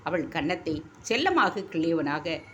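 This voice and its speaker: A woman reading a story aloud in a measured, expressive way. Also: low voice, a little hiss or hum. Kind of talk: scripted story narration.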